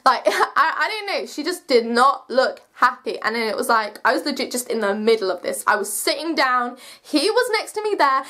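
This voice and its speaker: A seventeen-year-old vlogger with a high-pitched voice tells a personal story to camera. She's casual and animated, peppering her speech with slang and emphatic swearing.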